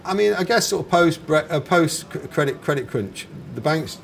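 His voice is a little high and expressive, at normal speed. He's an English-accented snack company founder in his forties being interviewed in a bar with clear ambient noise, and he rambles chattily, pausing hesitantly and revising what he says.

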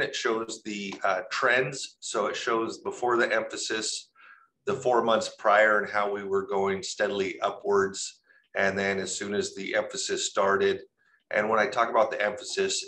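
Man, police captain, very low pitch, bright forceful tone, halting with fillers, presenting data. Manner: hesitant, many fillers.

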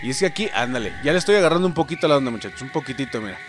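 A young man commentating a video game, shouting, laughing and swearing as he plays. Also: mid-range voice, expressive, very fast. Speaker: gaming youtuber. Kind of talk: excited gameplay commentary. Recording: game music behind the voice.

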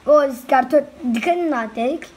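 A woman giving casual, excitable commentary over a video game she is playing. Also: high voice, moderate pace. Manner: excitable, chatty, reacts out loud to the game. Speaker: gameplay video host.

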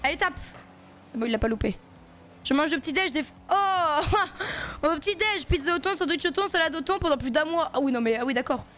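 An animated woman talks fast in a high, somewhat bright voice, chatting with her stream viewers in slang as she plays. The audio carries a little hiss or hum.

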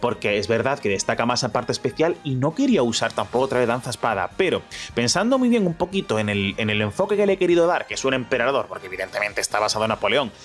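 Animated, playful man from Spain. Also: mid-range voice, fast talker, faint music behind. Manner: playful, jokey, self-mocking, talks to viewers. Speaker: gaming YouTuber. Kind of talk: playthrough commentary.

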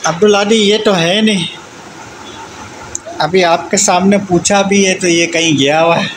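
A man's voice: high voice, steady tone, measured pace, a little hiss or hum, low-quality recording. A man in his thirties narrating a casual family vlog from a restaurant and cafe, chatting to viewers and coaxing a child along. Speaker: vlogger. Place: restaurant and themed cafe, partly outdoors.

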